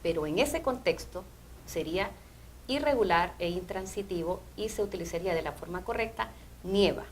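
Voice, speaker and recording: A woman language teacher, explaining grammar rules in a measured way on a TV program. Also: on the low side, lively intonation, a little hiss or hum, poor audio. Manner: measured, explanatory, often asks "¿verdad?". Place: TV studio.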